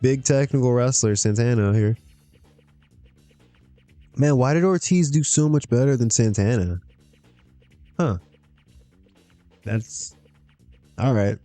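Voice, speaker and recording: A man gives relaxed, rambling commentary while he plays a wrestling booking game, breaking into laughs as he goes. His voice is mellow and warm, recorded dry and close with faint music underneath. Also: medium pitch, slow, pauses often, no echo. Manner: chatty, laughs often, talks to himself. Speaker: streamer playing a wrestling management game. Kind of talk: casual gameplay commentary.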